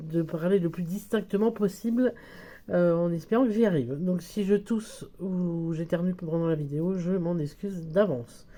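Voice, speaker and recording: Her voice on the low side and dark in tone, a French-accented budgeting vlogger with a cold fills budget envelopes while chatting. She's casual and hesitant, using lots of fillers and correcting herself often.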